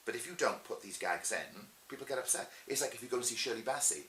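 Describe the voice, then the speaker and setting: A pantomime performer in middle age spins lively anecdotes for an interviewer, talkative, theatrical and forceful in emphasis. His medium-pitched voice is expressive, fast and sharp-toned, recorded with a roomy echo and faint hiss.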